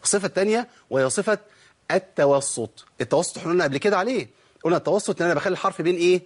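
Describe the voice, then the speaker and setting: A Quran recitation teacher with an Egyptian Arabic accent gives a tajweed lesson, quizzing his listeners and demonstrating each sound. His voice is high-pitched and breathy-edged, and he talks at a racing pace.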